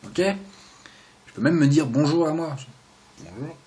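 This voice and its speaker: A young man giving a casual, joking video lesson, explaining step by step and often trailing off into quiet asides. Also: fairly high pitch, a little slow, slight background noise. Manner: chatty, joking asides, drops to quiet mumbles. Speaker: video host teaching sign basics.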